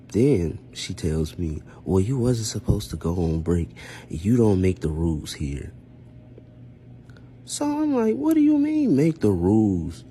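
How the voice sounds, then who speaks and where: A man tells a casual first-person story about his own experience, sounding aggrieved and emphatic, firing off rhetorical questions and acting out exchanges. His voice is low and mellow, with slight background noise.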